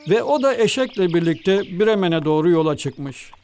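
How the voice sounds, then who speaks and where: A man narrating a fairy tale in an expressive, measured storybook reading. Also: high-pitched, soft background music. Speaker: storybook reader.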